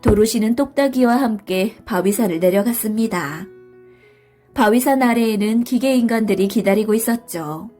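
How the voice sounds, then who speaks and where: A woman narrating a bedtime story in a soft, slow, soothing way, with faint music behind her. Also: mid-range voice.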